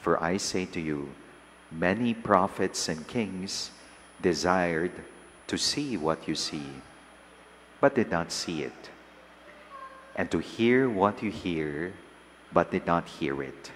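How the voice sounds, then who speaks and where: A man with a Filipino accent, a priest reading the gospel and preaching at Mass in slow, measured phrases, his voice ringing with cathedral echo. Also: deep voice, expressive, fairly bright tone. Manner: slow, measured delivery with long pauses. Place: large church. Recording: long church reverb, faint hiss.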